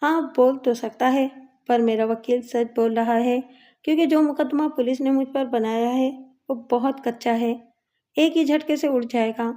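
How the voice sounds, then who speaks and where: A woman's voice: high-pitched, fairly even intonation, mellow, close to an everyday voice. A woman reading the lines of a brash, shameless woman inmate who boasts and mocks. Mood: boastful. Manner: boastful, mocking.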